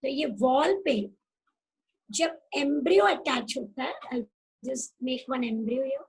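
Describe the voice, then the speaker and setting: A woman teacher lectures an online class in a high, gravelly voice. She talks very slowly and patiently, repeats key terms and checks that the class follows. Faint noise sits under her computer microphone. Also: poor audio. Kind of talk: online class lecture mixing Hindi and English.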